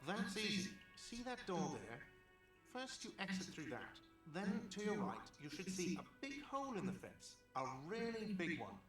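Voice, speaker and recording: A man's voice: high-pitched, very animated, normal speed, a bit bright, very echoey, distant mic, faint music behind. A man voicing a whiny, irritable café manager who talks in a defensive, grumbling way.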